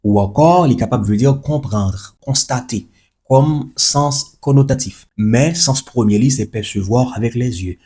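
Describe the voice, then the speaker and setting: A man's voice: mid-range voice, unhurried, mellow. A man teaching a French lesson, spelling words letter by letter, repeating each example and adding chatty asides to the listener. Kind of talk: explaining a language lesson.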